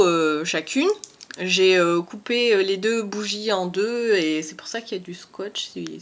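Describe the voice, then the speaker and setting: A young woman with a French accent chats her way through a shopping haul at home. She hesitates often and fills pauses with little sounds. There is a faint hiss behind her voice from the camera mic. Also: mid-range voice. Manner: hesitant, many fillers and repetitions. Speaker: beauty vlogger. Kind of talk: casual haul video chat. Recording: faint background noise.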